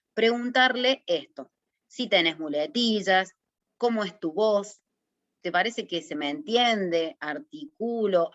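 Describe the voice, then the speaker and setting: A woman in her forties with a Córdoba accent from Argentina, giving an online webinar lesson on public speaking in a direct, lively way, often checking in with her listeners. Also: on the low side, no echo. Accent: Córdoba Argentine Spanish. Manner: lively, direct, addresses audience informally with questions. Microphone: video call. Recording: dull, dry webinar audio.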